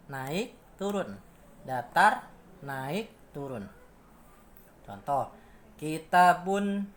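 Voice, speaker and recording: Slow, patient man teaching. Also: on the high side, fairly bright tone. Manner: patient, repeats each point, slow drawn-out chanting of examples. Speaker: Quran recitation teacher. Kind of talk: slow instructional explanation with chanted examples.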